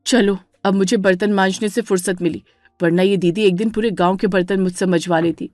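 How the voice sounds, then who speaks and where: A woman's voice: mid-range voice, steady tone, brisk, darkish tone, no room sound, studio quality, faint music behind, close to an everyday voice. A woman voicing a resentful young daughter-in-law in a dramatized story, grumbling and sulky.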